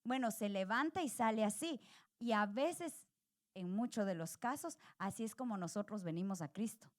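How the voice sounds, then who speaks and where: A woman's voice: medium pitch, lively intonation, normal speed. A woman pastor preaching a sermon in a church, talking conversationally, acting out quoted thoughts and asking the congregation questions. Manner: conversational preaching with asides and quoted inner voices. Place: church sanctuary.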